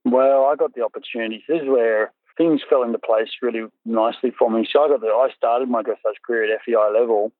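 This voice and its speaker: As a guest in a relaxed interview chat, an Australian-accented man in his forties, a dressage rider and coach from the North Coast of New South Wales, rambles through his story in an easygoing way full of ums. He talks fast in a steady, mid-range voice with hardly any pauses and no echo, over a tinny, phone-like line with faint music.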